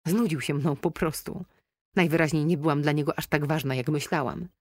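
A woman's voice: deep voice, steady tone, fairly quick, darkish tone, no echo. Woman doing a worn-out heartbroken girl on the phone, tired strained voice, sniffly, dry close sound. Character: heartbroken young woman, weary and tearful. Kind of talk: audiobook character voice.

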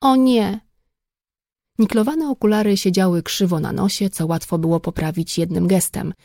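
Gravelly woman audiobook narrator. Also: on the low side, brisk, mellow, no room sound, studio quality. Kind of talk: scripted narration.

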